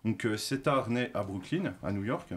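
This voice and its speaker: Hesitant man explaining, slightly low voice. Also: expressive, normal speed. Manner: hesitant, many filler sounds and self-corrections; light self-mocking asides. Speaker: show columnist presenting a segment. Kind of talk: explaining from notes on a talk show.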